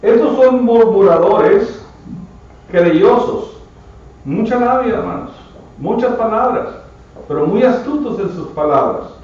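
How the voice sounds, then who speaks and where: A man's voice: high voice, a little mellow. A man preaching a sermon with emphatic delivery, often addressing listeners as brother. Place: church. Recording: echoey church from far off, muffled.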